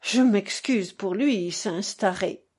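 A woman's voice: mid-range voice, takes it slowly, slightly rough. A woman voicing a buffoonish, fawning aging man in an audiobook reading, talking theatrically and mocking himself. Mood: excited, clowning. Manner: theatrical, self-mocking, excitable.

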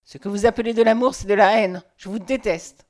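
A woman's voice: medium pitch, a little fast, a little mellow, lightly acted. A woman playing a proud, furious young woman. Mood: anguished. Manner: vehement, protesting. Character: proud, indignant young woman fighting her passion.

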